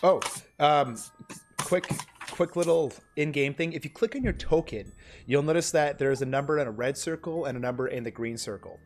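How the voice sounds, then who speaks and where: A man's voice: on the high side, moderate pace, faint music behind. A man narrating a tabletop game as game master on a stream, describing scenes in a loose, rambling way with many fillers.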